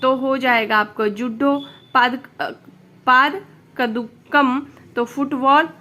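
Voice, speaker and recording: A woman's voice: high voice, fairly even intonation, slow, pushed and bright. A woman teacher, patiently explaining a textbook lesson to students and repeating each answer.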